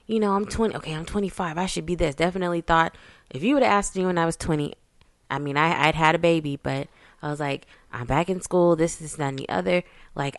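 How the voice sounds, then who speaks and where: A woman's voice: lowish voice, no room sound, clean studio sound. A woman, co-hosting a podcast in loose, chatty talk and laughing often. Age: 30s. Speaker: podcast co-host. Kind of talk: casual chat.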